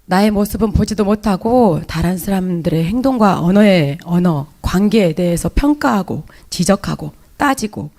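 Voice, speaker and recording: A woman's voice: mid-range voice, animated, moderate pace, few pauses, dark tone. Emotional woman giving church testimony. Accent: Jeolla Korean. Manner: emotional, confessional, with hesitant fillers and restarts. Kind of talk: spoken personal testimony in church.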